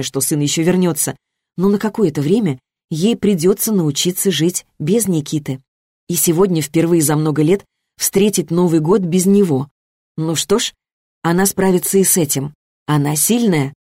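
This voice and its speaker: Casting: woman narrator for an audiobook, measured, lower pitch, dry studio sound. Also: mellow, slightly rough, no room sound. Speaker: audiobook reader. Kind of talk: scripted narration.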